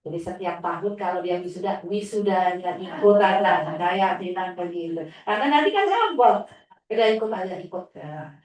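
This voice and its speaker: A woman religious teacher tells an inspirational story about her students in a low-pitched voice, now and then jumping high to mimic a sulky child. She sounds far from the mic in a very echoey hall. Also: steady tone, moderate pace, a little mellow. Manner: storytelling, acting out a child's whiny replies. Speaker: Islamic teacher. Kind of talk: inspirational sharing talk. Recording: echoey room, distant mic.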